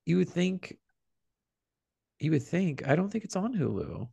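A man co-hosting a podcast, telling gossipy stories in an animated, casual way. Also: fairly high pitch, unhurried, gravelly, breathy edge. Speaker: podcast co-host.

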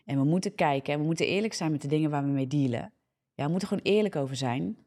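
Woman, Dutch accent, live sermon, warm dark tone, fervent, self-correcting. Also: deep voice, fast talker. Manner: fervent, frequent checking "ja?", restarts and self-corrections. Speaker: preacher hosting a live morning prayer broadcast. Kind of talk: preaching a live social media sermon.

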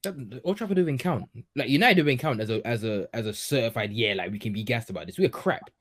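Young london roadman guy chatting football, talks fast and repeats himself, pitch all over the place. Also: lively intonation, fairly bright tone. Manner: slangy, emphatic, repeats phrases for emphasis. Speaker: football podcast panellist. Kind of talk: casual banter.

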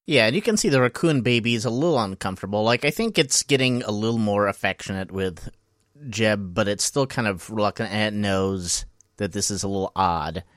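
A man co-hosting a podcast who tells the plot of an episode in lively, casual storytelling. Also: fairly low pitch, brisk, dry recording, clean studio sound. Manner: animated storytelling with laughs. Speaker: podcast co-host. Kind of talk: casual recap chat.

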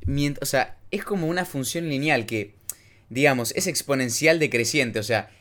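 A man's voice: mid-range voice, moderate pace, fairly bright tone. A man with an Argentine Rioplatense accent, co-hosting a casual podcast, talking in slang with casual swearing and math analogies. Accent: Argentine Rioplatense Spanish. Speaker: podcast co-host.

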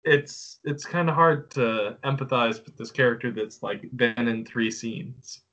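A man's voice: medium pitch, steady tone, measured pace, a bit bright. A man co-hosting a podcast in casual chat, rambling and joking as he talks through a game's characters. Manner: rambling, self-interrupting, joking. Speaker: podcast co-host.

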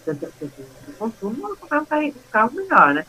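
A woman, a guest in a casual chat, retelling past events in a lively way and acting out quoted dialogue. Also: on the high side, fast, crowd noise, low-quality recording.

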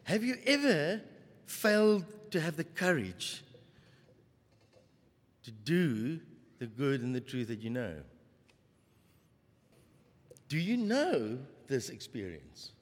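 A man preaching a sermon, animated, with many rhetorical questions to the congregation. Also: on the high side, slow pace, long pauses, in a large hall.

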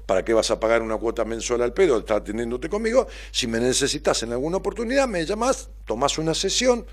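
A man's voice: medium pitch, vocal fry, breathy edge. A man with a Rioplatense Argentine accent, a therapist talking bluntly and profanely as he reads out messages and tells stories. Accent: Rioplatense Spanish. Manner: blunt, profane, animated storytelling. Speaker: psychotherapist and host reading viewer messages. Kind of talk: casual live-stream talk.

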